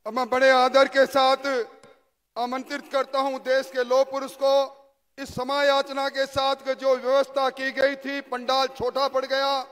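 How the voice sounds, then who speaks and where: High, monotone male rally announcer. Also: measured pace, clear, resonant tone. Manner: emphatic, calling for applause. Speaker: master of ceremonies introducing speaker. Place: packed tent at public meeting. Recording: long PA reverb over public-address system.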